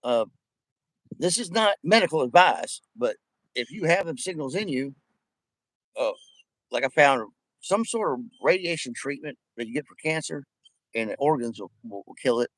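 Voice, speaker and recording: A man's voice: medium pitch, expressive, moderate pace, long pauses, fairly bright tone, no echo, poor audio. A man with missing front teeth in a casual, profanity-laden rant, talking in a rambling, emphatic, repetitive way. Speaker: vlogger addressing viewers.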